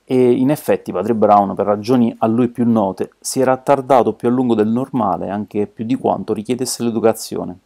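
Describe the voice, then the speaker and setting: Low-voiced man reading an audiobook. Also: normal speed, creaky, few pauses, mellow. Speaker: audiobook narrator.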